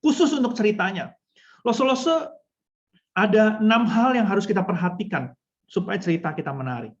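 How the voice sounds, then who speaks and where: A woman's voice: mid-range voice, expressive, brisk, lo-fi sound. A woman trainer teaching a storytelling workshop for children's ministry. She speaks instructively, addresses her listeners often and acts out short examples. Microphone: video call.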